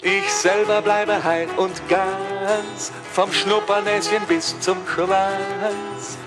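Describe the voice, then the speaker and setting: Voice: medium pitch, steady tone, drawn-out words. A singer voicing a sneaky small animal who snitches on the wolf, in a children's rock musical with guitar backing. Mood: sly. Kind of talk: sung rock-musical song. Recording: studio record with guitar music.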